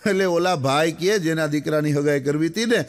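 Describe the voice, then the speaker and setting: A man's voice: a little high, brisk. A middle-aged man with a Kathiyawadi Gujarati accent, telling comic stories in a folksy, chatty way and speaking straight to his audience. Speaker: folk comedian. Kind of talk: live comic storytelling.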